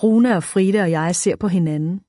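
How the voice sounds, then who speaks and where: A woman reading a first-person children's story aloud, in a clear, even storytelling way. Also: lowish voice, no echo, studio quality. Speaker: audiobook narrator.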